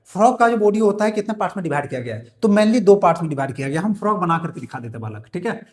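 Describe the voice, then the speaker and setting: A man's voice: high-pitched, sing-song, rapid-fire. A male biology teacher, working through exam questions in a quizzing way, repeating each question and answering it himself. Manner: quizzing, repeats his own questions and answers them, calls students "बालक". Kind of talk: exam-prep lecture, solving multiple-choice questions aloud. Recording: echoey room.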